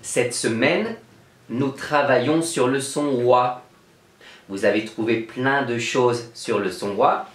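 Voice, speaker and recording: A man teaching young children in a remote class, speaking slowly and clearly as he writes letters on a board and sounds them out. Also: mid-range voice, roomy sound. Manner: slow, clear, patient teacher talk, spelling out sounds. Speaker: kindergarten teacher.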